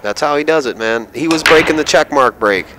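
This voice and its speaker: A man's voice: on the high side, fairly quick, noisy background. A man co-commentating a pool match on a live stream, laid-back, bantering with short reactions.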